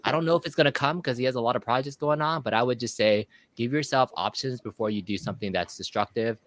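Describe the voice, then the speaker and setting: A man's voice: medium pitch, quick pace, fairly bright tone. A man hosting a casual podcast chat, talking like a hobbyist reviewer. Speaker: show host and arcade cabinet reviewer.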